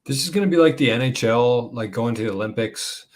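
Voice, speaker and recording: A man's voice: medium pitch, expressive, brisk. A man co-hosting a live golf podcast, chatting casually with friends, rambling and swearing with lots of filler words. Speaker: podcast co-host. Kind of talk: casual chat.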